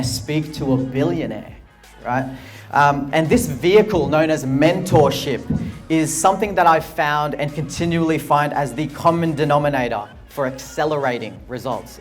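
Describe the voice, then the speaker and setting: A friendly, upbeat man from Australia with an Australian accent, chatting casually in a vlog and giving a motivational talk as a design speaker. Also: a little high. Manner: friendly, upbeat, chuckles often.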